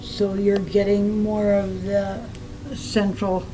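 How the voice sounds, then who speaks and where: Calm woman guide, noisy museum recording. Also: medium pitch, slow. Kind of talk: informal guided museum tour. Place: inside a small museum. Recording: noisy on-location recording, varying distance from mic.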